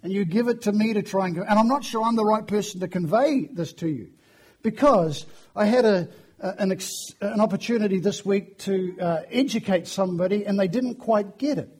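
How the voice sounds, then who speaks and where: A man, preaching a sermon in a church, hoarse after the flu and chatty in a self-deprecating way. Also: sits high, moderate pace, darkish tone. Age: 50s. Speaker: guest preacher.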